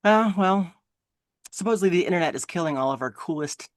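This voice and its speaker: Wry, blunt lower-voiced woman co-host. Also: expressive, brisk. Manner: wry, blunt, swears casually. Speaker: podcast co-host. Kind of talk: casual book-discussion chat.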